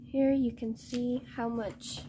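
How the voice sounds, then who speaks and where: A young woman explaining paintbrushes in a painting tutorial, hesitant and halting, often correcting herself. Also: a little high, little pitch movement, mellow, slight background noise. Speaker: art tutor.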